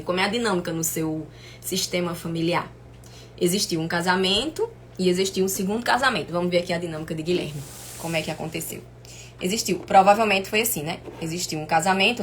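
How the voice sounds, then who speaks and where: A woman with a Brazilian accent and an inflamed, sore throat, teaching informally on a live stream in an emphatic, didactic way with repeated points. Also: fairly low pitch. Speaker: family constellation teacher hosting a live stream. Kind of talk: informal live lesson to viewers. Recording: clear background noise.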